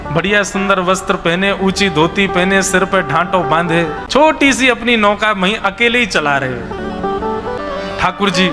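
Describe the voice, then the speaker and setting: A man with a Braj accent narrating a devotional story in an animated, explaining way. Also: high-pitched. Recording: reverberant hall with music behind.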